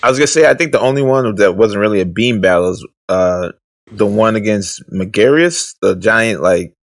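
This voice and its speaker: A man in casual podcast chat, speaking haltingly with frequent restarts. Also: lowish voice. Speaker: podcast guest.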